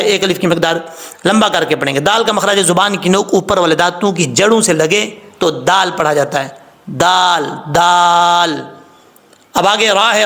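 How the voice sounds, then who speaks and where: A man gives a tajweed lesson on Quran recitation, explaining each step patiently, sounding out letters slowly and going over common mistakes again and again. His high voice is pushed and bright.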